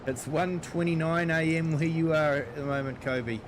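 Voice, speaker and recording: A middle-aged New Zealand man streams a farming game, chatting casually with viewers and greeting them by name. His voice is slightly high with fairly flat intonation and a moderate pace, and background noise is present.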